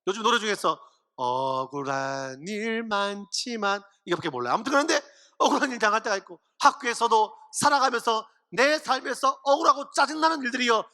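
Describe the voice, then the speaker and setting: A man preaching to teenagers, telling a story in an animated way and acting out the people in it. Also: extremely high pitch, fast talker, gravelly, long reverb tail. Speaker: pastor. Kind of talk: youth sermon.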